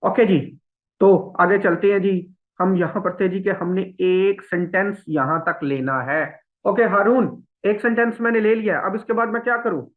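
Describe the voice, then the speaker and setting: A man teaching an English test class, explaining slowly and repeating words for students to copy. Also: high-pitched. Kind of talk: classroom lecture. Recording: phone-like thin sound.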